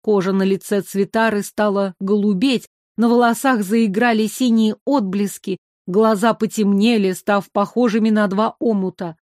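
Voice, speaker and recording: A woman narrating an audiobook with an expressive storytelling manner. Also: medium pitch, normal speed, hardly any pauses, no echo, clean studio sound.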